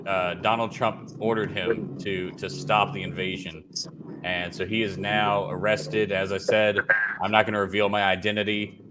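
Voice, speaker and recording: Man with disguised deep altered voice. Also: flat delivery, normal speed, background noise. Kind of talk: mock breaking-news report on an online call.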